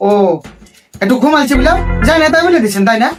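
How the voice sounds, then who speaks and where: Fiery young daughter-in-law. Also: female voice, sits high, animated, over music. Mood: furious. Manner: loud, fast, argumentative. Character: sharp-tongued young village daughter-in-law, quarrelsome. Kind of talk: comedy skit acting.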